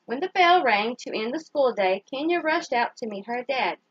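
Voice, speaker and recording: Reading a picture book to children, this teacher's fairly high voice is very lively with a breathy edge. She stops now and then to ask the young listeners simple questions and praise what they say, all captured in a dry, slightly dull recording.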